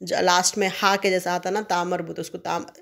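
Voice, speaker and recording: A woman's voice: lowish voice, flat delivery, moderate pace, vocal fry, fairly bright tone. A woman teacher going through an exam revision lesson step by step, posing questions to her students and answering them, checking in with "okay?" often.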